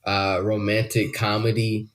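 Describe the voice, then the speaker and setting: A man's voice: lowish voice, monotone, unhurried. A young man co-hosting a podcast in casual chat, rambling loosely with lots of fillers and swearing. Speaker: podcast co-host.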